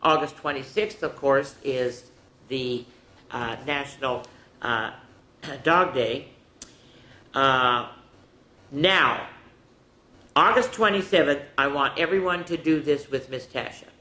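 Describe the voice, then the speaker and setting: An older woman runs a children's story and activity session, speaking slowly with long pauses in a sharp-toned bass voice. She's chatty and instructive, frequently quizzing the children, and the room echoes with a little background noise.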